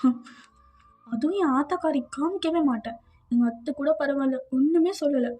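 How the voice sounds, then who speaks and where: A woman's voice: sits high, fairly even intonation, measured pace, dark tone, faint music behind. A woman voicing a clingy young pregnant wife in a fan fiction audio story, pleading and childlike, sometimes stubborn.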